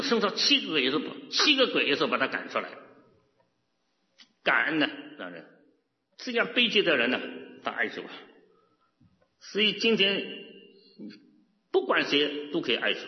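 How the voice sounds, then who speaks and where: Animated preaching man in echoey hall. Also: on the high side. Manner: animated, rhetorical questions, laughs often. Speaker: pastor. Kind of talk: sermon. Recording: echoey hall, dull lo-fi sound.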